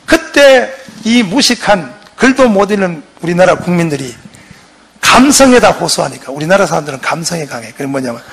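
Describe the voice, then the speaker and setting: Brief: impassioned man, a pastor, with a bright, gravelly, forceful voice and a combative lecture style. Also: high-pitched, sing-song, a little fast. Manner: fiery, shouting, rhetorical questions to the crowd. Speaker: pastor giving a patriotic lecture.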